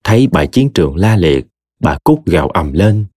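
A man narrating an audio story with an expressive, dramatic reading. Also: low voice, moderate pace, no room sound, studio quality.

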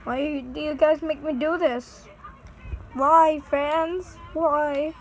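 A woman's voice: high voice, fairly even intonation, drawn-out words, faint music behind, rough recording. A woman giving nervous let's play commentary, sounding scared and pleading with her fans. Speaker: gaming channel host.

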